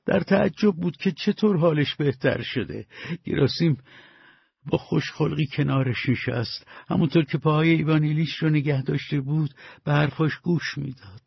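A man reading a story aloud with slow, dramatic delivery and big swings in loudness. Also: on the high side, no echo. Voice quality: gravelly, husky. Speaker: narrator. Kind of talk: storybook narration. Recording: dull lo-fi dry recording.

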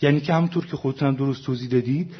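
A man's voice: medium pitch, breathy edge, lo-fi sound. A man, a translator, explaining his choices in an academic panel discussion, often stopping to correct himself. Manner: explanatory, frequent self-corrections and fillers.

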